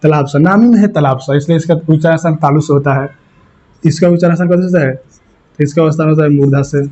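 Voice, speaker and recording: Man, teacher, exam grammar lesson, repeats and drills points, mellow slightly high voice, muffled lo-fi recording. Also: quick pace, a little hiss or hum. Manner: repetitive, drilling points, quizzing students.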